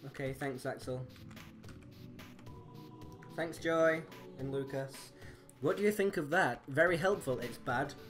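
A woman's voice: low voice, slow, pauses often. A woman streaming a game, chatting casually, laughing often and reading the game's text aloud. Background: game music.

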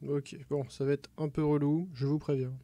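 A man's voice: fairly high pitch, level tone, moderate pace, warm tone. A young man giving casual, slangy, wry live game commentary as a streamer. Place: small room at home, indoors.

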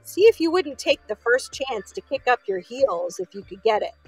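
A woman's voice: sits high, very animated, normal speed, creaky, a little mellow, breathy edge, faint music behind, pitched above the performer's own voice, exaggerated voice, rough recording. A woman voicing a jolly male pumpkin who talks in a coaxing, winning way. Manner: persuasive, winning tone.

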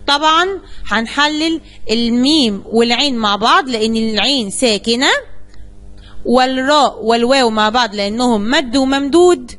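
High-voiced Egyptian woman teacher. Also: fairly bright tone. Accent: Egyptian Arabic. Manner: explains step by step, addressing the class. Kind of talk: classroom lesson explanation.

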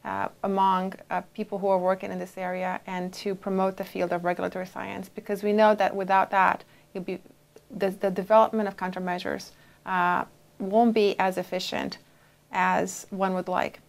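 Wearing a lapel mic in a dark studio, a woman in her forties from Brazil answers interview questions as an FDA official. Her gravelly, mid-range voice has a flat delivery, and her measured replies are full of pauses and fillers.

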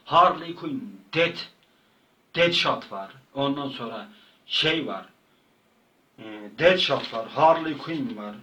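A man's voice: mid-range voice, lively intonation, slow pace, long pauses, bright, forceful tone, distant mic, slight background noise, rough recording. A man telling a rambling comic story in casual slang, often repeating and stumbling over words. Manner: repetitive, slangy, stumbling retelling. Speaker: channel host.

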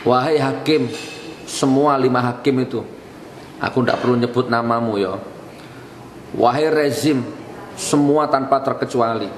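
A man's voice: medium pitch, a little slow, pauses often, slight background noise. A male preacher, giving a fiery, mocking sermon that rises into outbursts. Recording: echoey hall with faint ambience.

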